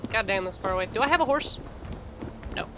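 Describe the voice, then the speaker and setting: A woman game streamer with a medium-pitched voice, commenting casually as she plays. She is playful and exclaiming, with clear game noise behind her. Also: expressive, quick pace.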